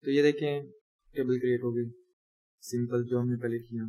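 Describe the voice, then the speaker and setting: A young man gives a screen-recorded coding tutorial, talking through each step as he types and correcting himself along the way. His voice is medium in pitch and warm, with a level tone and moderate pace.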